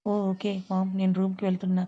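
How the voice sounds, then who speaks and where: A woman reading the lines of a young adult man who speaks in a brisk, matter-of-fact way. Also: medium pitch, completely flat delivery, lo-fi sound, close to an everyday voice.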